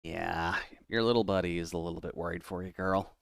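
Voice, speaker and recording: Male live streamer, low-pitched with metallic robot processing, chatty off-the-cuff gameplay commentary over music. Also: steady tone, a little fast, vocal fry, fairly bright tone, no room sound. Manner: chatty, mutters while playing, reads chat aloud. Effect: metallic tin-can robot voice filter.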